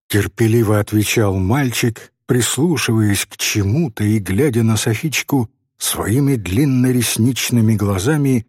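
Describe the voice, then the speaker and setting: A man narrating a story in an expressive, gently ironic way. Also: medium pitch, husky, no echo, clean studio sound. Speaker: audiobook narrator.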